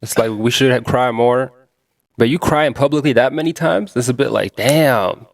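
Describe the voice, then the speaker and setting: Man, average pitch, slangy, blunt, laughs easily, podcast chat. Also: normal speed, gravelly, a little hiss or hum. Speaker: podcast co-host. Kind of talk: casual chat.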